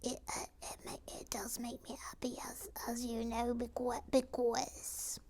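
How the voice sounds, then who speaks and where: A woman voicing a shy little companion who speaks mostly in a soft, polite whisper. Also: on the high side, monotone, unhurried, voice pushed up. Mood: pleading. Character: timid little creature sidekick.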